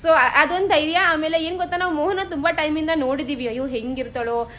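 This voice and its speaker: A woman's voice: high voice, steady tone, quick pace, fairly bright tone, a little hiss or hum. A young woman vlogging in a casual, chatty way, mixing English words into her talk and coaxing her relatives. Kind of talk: casual vlog chat.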